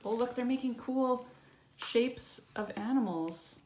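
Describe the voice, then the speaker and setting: A woman with a slightly high, somewhat mellow voice takes her time reading a picture book to a child. She pauses for easygoing explanations and small questions, and the audio has roomy echo plus faint background noise.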